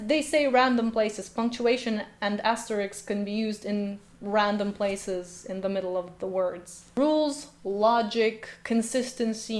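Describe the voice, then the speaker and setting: Sarcastic and fond of rhetorical questions, this Slovenian-speaking woman linguist hosts a commentary vlog in a slightly high voice.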